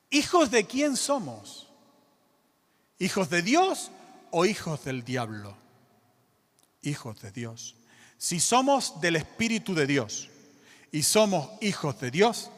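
High, lively preaching man in a church. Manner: emphatic preaching with call-and-response to the congregation. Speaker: pastor. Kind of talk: sermon. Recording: reverberant church hall.

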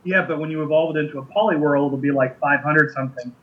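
Higher-voiced man on dull lo-fi audio. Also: fast. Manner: easygoing, laughs often, lots of ums. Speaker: podcast co-host. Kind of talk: casual chat.

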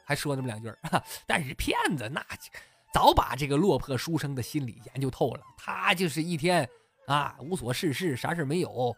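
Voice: mid-range voice, lively intonation, brisk, gravelly, fairly bright tone, faint music behind. Chatty storyteller. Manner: chatty, laughs at own story, many fillers. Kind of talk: comic oral storytelling podcast.

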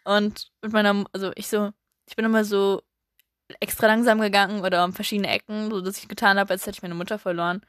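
A young woman co-hosting a casual chat, animated, acting out her younger self and laughing often as she tells a story. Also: mid-range voice, quick pace, dry recording, studio quality. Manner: animated, acts out her younger self with sudden loud cries; laughs often while telling. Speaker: podcast co-host.

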